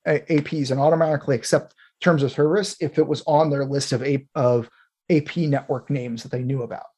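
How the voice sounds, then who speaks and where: A man's voice: mid-range voice, steady tone, a little fast, darkish tone, breathy edge. A man in the role of host, talking through technical material in an informal, explanatory way and thinking aloud as he goes.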